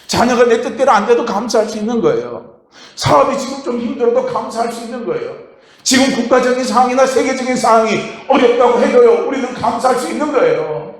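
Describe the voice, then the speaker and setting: Korean pastor, male, higher voice, lively sermon delivery, strong church echo. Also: fast. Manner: animated preaching, swings from quiet to loud outbursts. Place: church sanctuary. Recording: echoey church hall.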